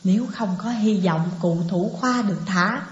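A woman reading the part of a stern, calm old father in measured, grave tones, in an echoey, dull lo-fi recording. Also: mid-range voice, close to an everyday voice. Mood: solemn.

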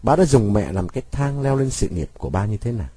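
A man's voice: lowish voice, very animated, quick pace, mellow, husky, no echo. Man voicing a bitter, sarcastic young son. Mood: mocking. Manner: sarcastic, cutting, sweetly mocking. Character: bitter defiant young man confronting father.

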